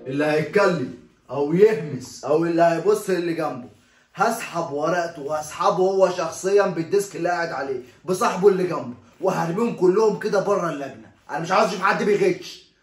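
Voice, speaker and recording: A man playing a strict, threatening male exam proctor who warns students in drawn-out tones, with an Egyptian Arabic accent. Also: on the high side, roomy sound, natural voice. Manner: stern, threatening, drawn-out warnings.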